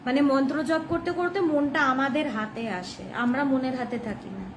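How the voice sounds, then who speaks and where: A woman's voice: high-pitched, expressive, brisk, noisy background. A woman with a Bengali accent giving a devotional talk, earnest and explanatory, asking questions and answering them herself. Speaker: devotional speaker.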